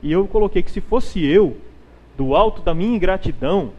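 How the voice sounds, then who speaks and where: A man's voice: high voice, animated, moderate pace, highs cut off. A man, a pastor on a panel discussion, speaking emphatically in a preaching manner and acting out quoted prayers.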